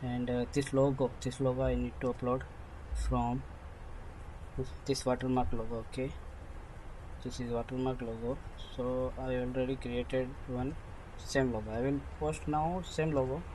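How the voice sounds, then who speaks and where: A man giving an unscripted screen-recording tutorial voice-over, narrating each step haltingly in short phrases. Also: medium pitch, little pitch movement, warm tone, a little hiss or hum, low-quality recording. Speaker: tutorial presenter.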